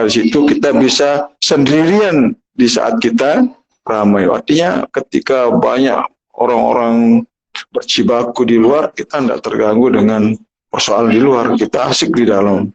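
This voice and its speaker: Guy giving a slow rambly sermon, stops and restarts a lot, muffled lo-fi audio. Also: mid-range voice, gravelly, a little mellow. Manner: unhurried, halting, many restarts and fillers. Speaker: Sufi spiritual teacher.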